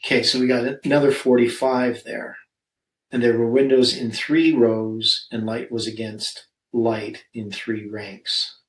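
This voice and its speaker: A man's voice: mid-range voice, little pitch movement, a little slow, rough recording. A man leading a Bible study discussion, thinking aloud with many fillers and reading scripture verses aloud.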